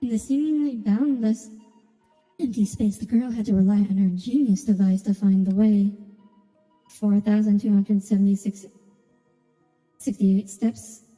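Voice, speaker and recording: A gaming streamer works through a story quest, sometimes chatting casually and sometimes reading the story text aloud. Her mid-range voice is dark in tone with fairly even intonation, and she speaks unhurriedly, pausing often. Game music plays behind her, and the recording is reverberant.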